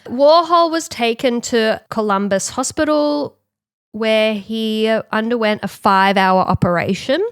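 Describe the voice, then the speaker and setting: A woman co-hosting a podcast, retelling a story in casual chat and acting out quick quotes. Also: on the high side, smooth, dry recording, clean studio sound. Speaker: podcast co-host.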